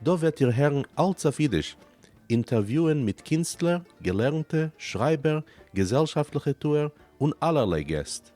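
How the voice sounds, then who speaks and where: A man reads a scripted radio introduction in a measured, formal tone. Faint guitar music plays behind him. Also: fairly high pitch, very animated, dark tone. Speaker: radio announcer.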